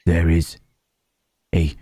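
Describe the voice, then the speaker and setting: Man voicing Frankenstein's Monster, deep, slow and husky. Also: completely flat delivery, mellow, heavily acted. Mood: wistful, longing. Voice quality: low, husky. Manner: halting, pensive, formal phrasing with questioning hums. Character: gentle, melancholy Frankenstein's monster, male, pondering his soul. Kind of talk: ASMR roleplay acting.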